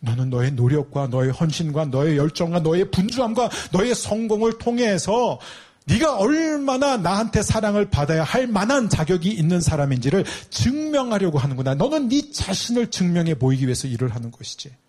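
A man voicing a gentle, patient lord who tenderly and slowly corrects a troubled woman. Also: high voice, sing-song. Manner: tender, slow, searching.

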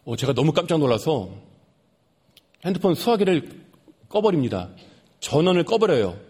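A young man giving an earnest sermon testimony, repeating lines for emphasis and dropping soft at sad moments. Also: a little high, sing-song, normal speed, breathy edge.

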